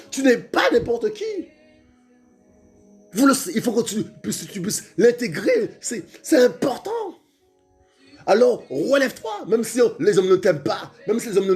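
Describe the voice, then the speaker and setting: Male preacher, high voice, fervent and repetitive, faint music behind. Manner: fervent, repetitive, calls out to listeners, stammers, shouts at times.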